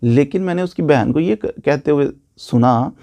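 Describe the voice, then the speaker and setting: A man with a Pakistani accent gives an informal law lecture in a gravelly, dark voice pitched on the high side, speaking at normal speed. He explains by repeating his points and asking himself questions that he then answers.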